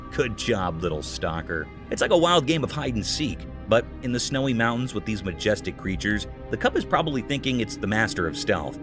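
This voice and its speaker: A man giving a scripted narration in a chatty, folksy storytelling tone. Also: mid-range voice. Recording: clear music bed behind. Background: music.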